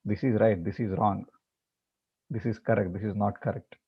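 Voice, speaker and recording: A man teaching a meditation class, talking in a halting way with many repeated words and fillers before leading the practice. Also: lowish voice, fairly even intonation, husky, muffled recording. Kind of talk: talk before guided meditation.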